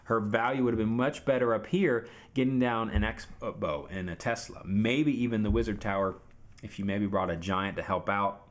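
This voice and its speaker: A man's voice: fairly low pitch, normal speed. A man giving casual commentary on a video game recap, coaching viewers directly in a chatty tone.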